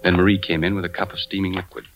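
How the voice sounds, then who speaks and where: An American actor with a low, very fast, natural voice and little pitch movement plays a brooding husband, an insurance investigator consumed by suspicion and anguish. It's a tense first-person suspense narration in 1940s radio drama style, heard through a dull recording with music.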